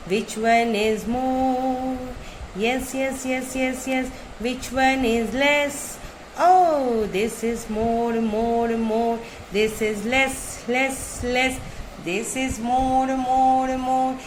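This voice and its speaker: Primary teacher, female, Indian accent: high voice, very slow delivery, chanting like a children's party magician, noisy recording. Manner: animated, repetitive, sing-song like a kids' party magician. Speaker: primary school maths teacher. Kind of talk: children's lesson with playful chanting.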